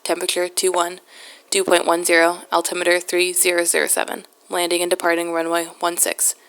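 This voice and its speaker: A woman's voice: fairly low pitch, a little fast, clear, resonant tone. A woman's voice on a played-back airport weather broadcast, reading the report in a clipped, recited way. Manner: flat, clipped reading of numbers.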